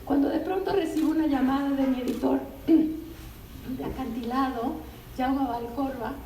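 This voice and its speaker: An older woman, a literary translator giving an animated, conversational talk and often turning to the audience with asides. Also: high voice, unhurried. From Mexico. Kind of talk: anecdotal public talk. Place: bookstore event room. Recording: roomy, distant, faint ambient noise.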